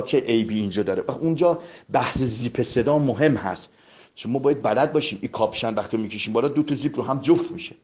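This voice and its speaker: Speaking in a darkish, mid-range voice, a male voice coach leads a vocal lesson, courteously addressing listeners and repeating sounds as demonstrations. The audio sounds dull and lo-fi.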